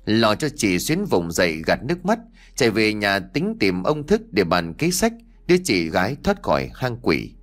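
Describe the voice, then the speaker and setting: A male storyteller reading an audiobook. His delivery is expressive and lively, rising and falling freely in pitch as the tale unfolds. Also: moderate pace. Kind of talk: audiobook narration.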